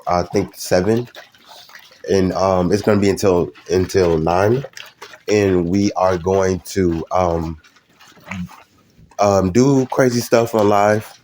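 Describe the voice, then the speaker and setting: Low-voiced young man chatting on a live stream. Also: steady tone, takes it slowly, darkish tone, slight background noise. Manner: rambling, hesitant, many fillers and restarts. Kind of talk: casual live-stream chat with viewers.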